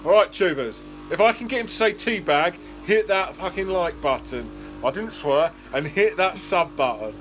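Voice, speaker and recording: A man's voice: sits high, animated, moderate pace, hardly any pauses, fairly bright tone, faint music behind. A man chatting casually to camera in a workshop, joking and swearing. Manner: joking, swears, calls viewers "tubers". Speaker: vlogger.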